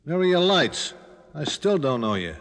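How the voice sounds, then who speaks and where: A man's voice: fairly low pitch, normal speed, close to an everyday voice. An actor playing a tough male crook in a 1940s radio crime drama, terse and slangy. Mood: menacing. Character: tough male crook in hiding, curt and menacing.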